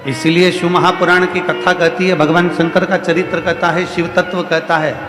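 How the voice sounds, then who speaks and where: A man delivering a devotional sermon in a fairly high voice, hammering each point home with rhythmic repeated phrases. His voice rings through a large, echoing hall with a long reverb tail, and soft music plays faintly underneath. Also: level tone, moderate pace. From India. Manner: rhetorical repetition, emphatic refrains. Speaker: kathavachak preacher. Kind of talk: devotional sermon to a live audience.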